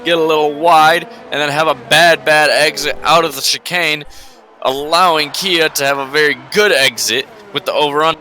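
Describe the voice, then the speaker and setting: A man's voice: fairly high pitch, fairly even intonation, moderate pace, bright, forceful tone, slight background noise. A man giving live sim-racing commentary as a motorsport commentator, repeating words for emphasis.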